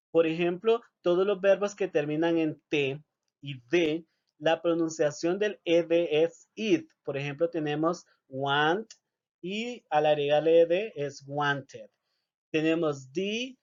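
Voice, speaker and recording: Slow-talking male English teacher, lo-fi. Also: a little high, a little mellow. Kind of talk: recorded video lesson.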